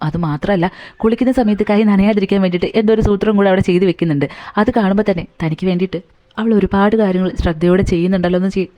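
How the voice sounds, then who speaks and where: Fast-talking woman retelling a movie. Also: lowish voice, dark tone. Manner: chatty, colloquial retelling. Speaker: movie recap narrator. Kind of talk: casual movie recap storytelling.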